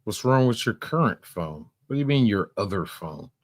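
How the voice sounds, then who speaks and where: Deep, sarcastic man mocking. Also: lively intonation, moderate pace, no echo. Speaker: reaction commentator. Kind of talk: profane reaction commentary.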